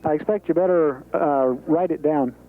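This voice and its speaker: A capsule communicator, an American man, reads out procedures from mission control in a businesslike, step-by-step manner. He has a fairly high voice and a moderate pace, and the radio transmission sounds phone-quality, thin and band-limited.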